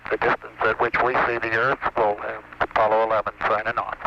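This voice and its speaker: An astronaut speaking over a crackly headset radio link to ground control, measured, dry and level. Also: male voice, on the low side, monotone, vocal fry. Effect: crackly headset radio transmission. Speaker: astronaut in the spacecraft. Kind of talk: air-to-ground radio exchange. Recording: muffled radio link with static.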